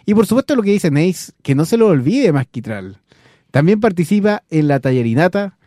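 A man's voice: a little high, very animated, moderate pace, dark tone, no echo, clean studio sound. A man with a Chilean accent co-hosting a casual late-night radio show, joking and bantering with his partner. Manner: joking, banter-heavy, coaching his co-host. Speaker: radio co-host. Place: community radio studio.

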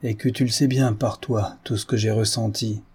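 A man's voice: lowish voice, steady tone, normal speed, darkish tone, slightly rough. A man playing a tormented, guilt-ridden painter. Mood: anguished. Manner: anguished, bitter self-reproach. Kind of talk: audiobook character reading.

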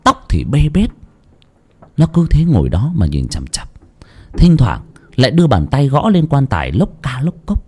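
A man's voice: mid-range voice, wildly swooping pitch, moderate pace, long pauses, mellow, husky. A man narrating a village ghost story in a dramatic, suspenseful way.

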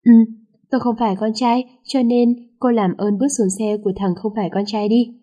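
A woman's voice: on the high side, fairly even intonation, fairly quick, dark tone, natural voice. A woman reading a curt, sulking young man. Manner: curt, sarcastic.

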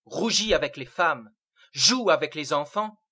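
A man's voice: on the high side, lively intonation, unhurried, pushed and bright, pitched above the performer's own voice, heavily acted. A man voicing a sorrowful, otherworldly seraphic being who speaks in solemn, lofty declamation. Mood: exalted.

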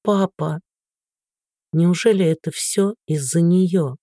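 A man's voice: fairly high pitch, slow, mellow, no echo, clean studio sound. A man voicing a frightened teenage daughter who pleads tearfully with her father. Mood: pleading. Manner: pleading, tearful, breaking into cries.

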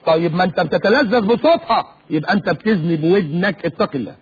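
A man with an Egyptian accent preaching on the radio in an animated way, often mimicking other people's voices. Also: sits high, husky. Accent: Egyptian Arabic. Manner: rapid, animated, mimics voices mid-talk. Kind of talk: lively preaching talk. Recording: dull lo-fi radio recording.

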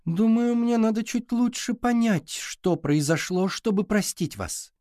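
A man's voice: high voice, animated, measured pace, mellow, no room sound, clean studio sound, pitched above the performer's own voice. Man doing a pressing young girl. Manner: eager, pressing questions.

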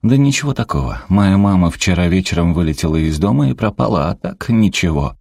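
A man's voice: sits low, animated, a little fast, creaky, darkish tone, slightly rough, no room sound, clean studio sound, full character voice. A man playing a resentful grown son who speaks in a sarcastic, accusing tone.

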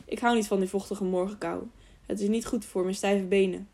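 A grumpy, sleep-roused innkeeper in a storybook tale, voiced by a woman narrator. He answers gruffly and curtly, grumbling about being woken and about his stiff legs. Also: mid-range voice, fairly even intonation, a little fast, mellow, natural voice. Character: grumpy sleepy middle-aged male innkeeper.

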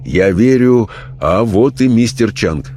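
A man voicing a calm, patient male rescuer of spirits who speaks gently. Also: on the low side, slow, soft background music.

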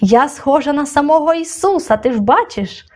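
A woman voicing a bold, reckless little girl in an audiobook, talking in a loud, daring and teasing way. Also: sits high, animated, moderate pace, voice pushed up. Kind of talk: audiobook character voice.

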